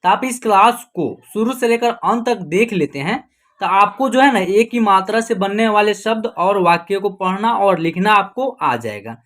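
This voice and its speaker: A man's voice: sits high, expressive, fairly bright tone. A man teaching an online Hindi lesson, patiently sounding out letters and words one at a time. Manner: slow and patient, repeating and sounding out each letter.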